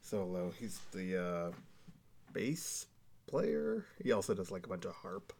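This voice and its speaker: A man co-hosting a podcast, chatting and telling stories in a relaxed, rambling way. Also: deep voice, a little slow, gravelly, a little hiss or hum. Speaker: podcast co-host. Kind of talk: casual chat.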